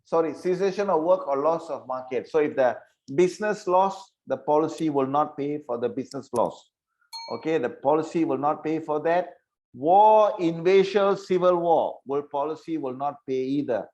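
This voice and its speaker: A man leads an online insurance training session with a slightly raised pitch. He repeats key phrases and keeps checking whether his listeners understand. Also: normal speed, darkish tone, low-quality recording.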